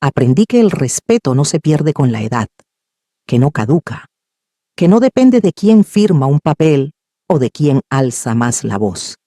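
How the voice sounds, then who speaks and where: Male narrator, a bit high-pitched, measured and reflective, dry close sound. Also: no echo. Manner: calm, measured, reflective, short phrases with pauses. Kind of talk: scripted first-person story narration.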